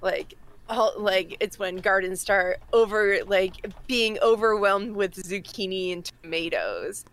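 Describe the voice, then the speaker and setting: Woman cohost, Massachusetts accent, chatty and quick to laugh. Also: mid-range voice, expressive, fairly bright tone. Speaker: podcast cohost. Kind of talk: casual chat, explaining a pagan festival.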